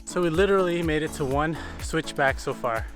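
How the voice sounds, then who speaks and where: A man's voice: on the high side, fairly quick, over music. A man hosting a casual hiking vlog outdoors on a mountain trail, chatty and out of breath from the climb. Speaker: host, photographer.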